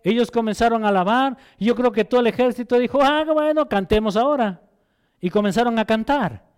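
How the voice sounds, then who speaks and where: A man preaching a sermon as pastor, asking the congregation questions and voicing quick quotes. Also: very high voice, darkish tone, clear, resonant tone.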